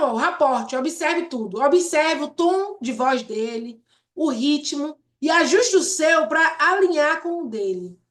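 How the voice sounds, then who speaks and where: High-voiced woman leading a group session. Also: reverberant. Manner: chatty and warm-hearted, addresses the group often as "gente", acts out example dialogues. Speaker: group therapy facilitator. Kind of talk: live online group session teaching. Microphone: video call.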